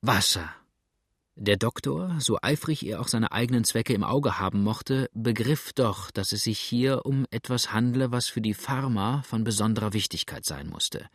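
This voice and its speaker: Steady male audiobook narrator, dry sound. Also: medium pitch, normal speed, few pauses, no room sound.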